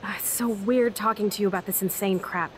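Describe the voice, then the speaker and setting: A woman's voice: mid-range voice, fairly even intonation, brisk, a little hiss or hum, close to an everyday voice. An actress voicing a rebellious young punk woman in a video game, brash and sarcastic. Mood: nostalgic. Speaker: game character.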